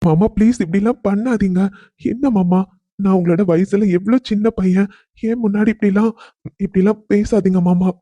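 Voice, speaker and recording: A man's voice: high-pitched, steady tone, moderate pace, mellow, no room sound. A man voicing a respectful young man in a cartoon, speaking sincerely to an elder. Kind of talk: cartoon voice acting.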